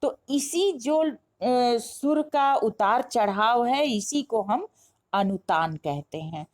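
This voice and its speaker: A woman's voice: on the high side, animated, takes it slowly. A woman teaching a grammar lesson, explaining step by step and asking herself questions before answering them. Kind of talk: classroom-style lesson explanation.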